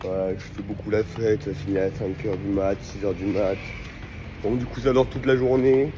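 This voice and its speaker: A vlogger who also sells an online course chats casually with his followers in a travel vlog, using informal slang and repeating phrases for emphasis. His voice is on the low side with fairly even intonation and normal speed, over noisy on-location sound.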